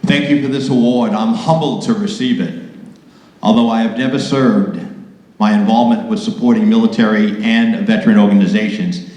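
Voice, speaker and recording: A man giving a prepared award acceptance speech in a measured, polished radio-style delivery. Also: on the low side, fairly even intonation, mellow. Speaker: award recipient. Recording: very echoey hall with long reverb.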